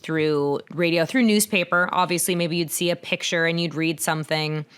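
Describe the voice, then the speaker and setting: A woman in her thirties co-hosting a podcast, explaining things in a chatty, casual way, laughing often and getting animated when she quotes people. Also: lowish voice, normal speed, smooth. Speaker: podcast co-host.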